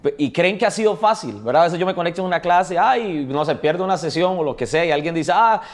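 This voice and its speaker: A man's voice: high voice, expressive, fast talker. A man with a Costa Rican accent, a guest in a casual interview, telling his story in a chatty way with frequent tag questions. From Costa Rica.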